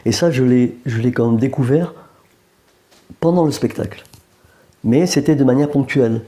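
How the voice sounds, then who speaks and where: A man from Algeria, a painter, speaks warmly at medium pitch and normal speed during a casual interview in a gallery. His talk is dotted with hesitations and joking side remarks.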